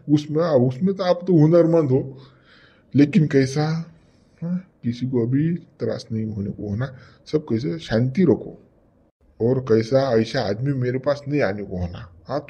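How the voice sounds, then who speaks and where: A man's voice: mid-range voice, mellow, slightly rough. A man with acting in a village comedy sketch, talking in a chatty, coaxing way.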